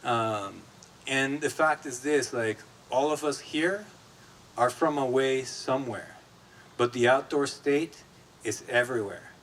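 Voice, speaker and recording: A man from Guatemala gives an opening keynote at a conference, speaking with an easy, conversational delivery. His voice sits at a middling pitch, and he talks with plenty of ums and restarts. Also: a little slow, fairly bright tone, slight background noise. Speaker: executive director of an advocacy group. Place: conference stage.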